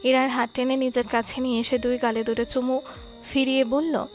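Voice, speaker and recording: A woman narrating a romantic audio story in a soft, steady storytelling voice. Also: high-pitched, a little fast, faint music behind. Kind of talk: scripted narration.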